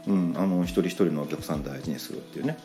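A man with a Kansai accent telling a story in a casual, animated podcast monologue, acting out the quoted lines. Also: sits low, quick pace, faint music behind. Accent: Kansai Japanese. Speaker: podcast host.

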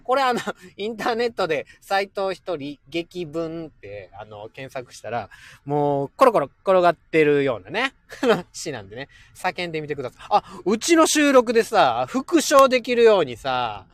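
A man's voice: fairly high pitch, sing-song, normal speed, no echo. A man hosting a casual solo livestream, chatting playfully with listeners and laughing often. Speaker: livestream host.

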